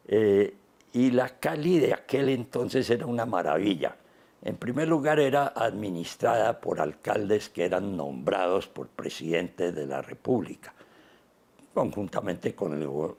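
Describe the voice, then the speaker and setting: A man, speaking as an interview guest in an unhurried, reflective way, pausing often. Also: on the low side, gravelly, a little mellow, husky. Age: 80s. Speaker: interview guest, business founder.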